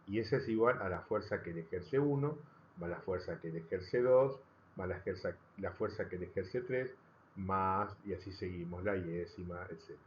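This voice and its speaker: A man with a very low voice explains physics in a recorded lecture. He talks patiently and keeps rephrasing his points, checking in with his students as he goes. The recording sounds slightly dull and lo-fi, with a faint hiss behind it. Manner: explanatory, rephrasing often, checking understanding with tag questions. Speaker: physics teacher. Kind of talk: recorded lecture over slides.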